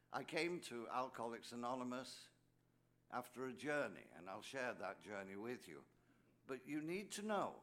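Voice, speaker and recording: Older english priest guy telling his story at a meeting, mid pitch, jokey asides. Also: a bit bright. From England. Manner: anecdotal, with joking asides to the audience. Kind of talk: personal testimony speech.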